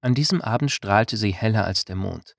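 A man narrating a German-language novel as an audiobook in a calm, measured way. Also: fairly low pitch, gravelly, dry recording, clean studio sound.

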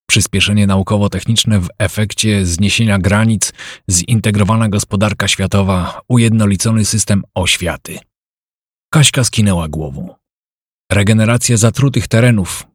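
A man's voice: deep voice, slightly rough, dry recording, studio quality. A man narrating a story as an audiobook, reading both characters' dialogue with mild shifts in voice.

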